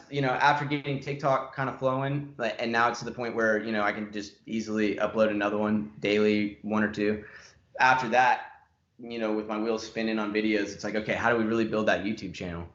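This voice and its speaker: A man's voice: lowish voice, steady tone, fairly quick, a bit bright. A man hosting a casual podcast chat, asking curious questions and agreeing readily. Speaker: musician podcast host. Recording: roomy, dull lo-fi audio.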